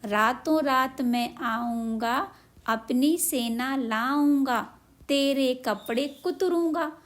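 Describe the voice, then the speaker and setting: A woman's voice: high-pitched, a little slow, darkish tone. A woman voicing a cheeky stubborn little mouse. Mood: sing-song. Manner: sing-song threats, insistent.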